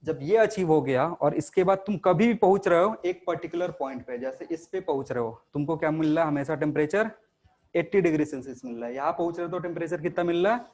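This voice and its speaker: A man's voice: fairly high pitch, quick pace, darkish tone. A male teacher giving a classroom lecture to students. He asks questions and answers them himself, and he mixes English technical terms into his Hindi.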